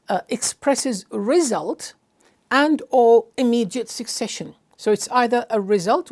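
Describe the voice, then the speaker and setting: A woman with a somewhat high voice gives a Qur'anic translation lesson. She explains slowly and carefully, often pausing on fillers and restarting phrases. She recites Arabic verses between her explanations. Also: gravelly, darkish tone.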